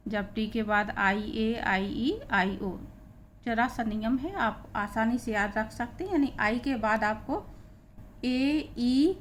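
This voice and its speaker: Speaking slowly in a slightly high voice, a woman with an Indian accent leads a pronunciation class in English. She goes through the letters of each word and says every sound twice, against slight background noise.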